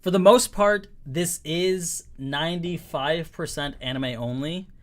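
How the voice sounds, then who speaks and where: A man's voice: on the high side, a little slow. A man hosting a casual livestream who laughs often and repeats himself when he gets flustered. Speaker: host.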